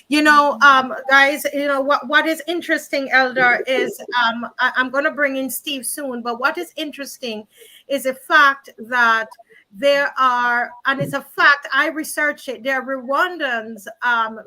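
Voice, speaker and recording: A woman's voice: high voice, measured pace, sharp tone. A woman hosting an online panel discussion, asking rhetorical questions and addressing her listeners directly. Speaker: host.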